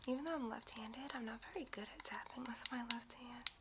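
A woman whispering softly and slowly in an ASMR video, with tapping sounds on a coconut. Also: a little high, fairly even intonation, background noise. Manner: soft whispering, slow and soothing. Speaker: ASMR creator. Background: tapping and rubbing on a coconut.

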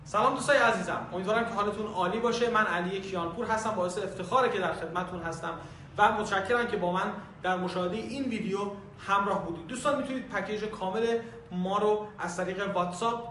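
A man's voice: high voice, sharp tone. A man giving a polite, formal sign-off at the end of a lesson video. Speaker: teacher. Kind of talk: channel outro. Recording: echoey room with faint noise.

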